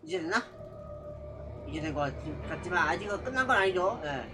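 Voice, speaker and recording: A man's voice: high-pitched, lively intonation, a little fast, noisy background. A man streaming a horror game live, startled and exclaiming, muttering to himself as he plays. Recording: game music behind the voice. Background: horror game music.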